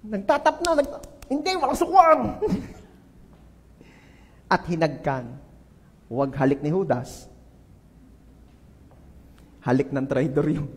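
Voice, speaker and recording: A man preaching a sermon as pastor, animated and lively, acting out the people in his examples and slipping English phrases into his talk. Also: fairly high pitch, long reverb tail. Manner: animated preaching, acts out quoted people, mixes English into Tagalog. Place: church.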